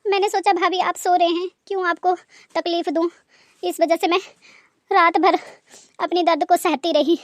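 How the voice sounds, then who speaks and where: A lazy young daughter-in-law in a cartoon, as a woman puts her on, whining about her aches in a high voice. Her talk is complaining and pleading. The sound is dry and close. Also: little pitch movement, normal speed, dry recording. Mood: whiny.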